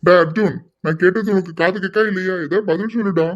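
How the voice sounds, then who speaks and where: A man's voice: high voice, fast talker, lightly acted. A man doing a bossy, scolding father. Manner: scolding, demanding answers. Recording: slightly dull lo-fi audio.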